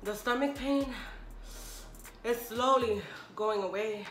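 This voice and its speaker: A young woman vlogs through a spicy food burn in an echoey room with music behind her. She talks slowly and casually, groaning and exclaiming from the pain in her mouth. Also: a little high, a bit bright. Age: young adult. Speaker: vlogger doing a food challenge. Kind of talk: casual chat to camera. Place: small home kitchen, indoors. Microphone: camera across the table.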